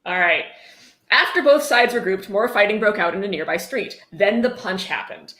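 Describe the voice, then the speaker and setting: At a moderate pace, a woman with a pushed, bright mid-range voice and lively intonation reads a book aloud on a livestream. She adds wry, blunt, sarcastic remarks as she hosts, and the audio is roomy with echo.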